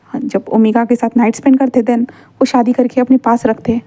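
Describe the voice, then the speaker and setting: A woman voicing a young male student in a fan story read aloud. The student pleads softly and hesitantly, often repeating words. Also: on the high side, level tone, brisk, no room sound, close to an everyday voice. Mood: pleading.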